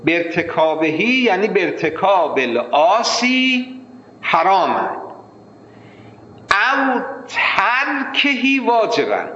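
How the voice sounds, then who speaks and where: A man teaching a jurisprudence class, lecturing with energy and slowing into a chanted reading of the text. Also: fairly high pitch, a bit bright. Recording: echoey hall, dull lo-fi sound.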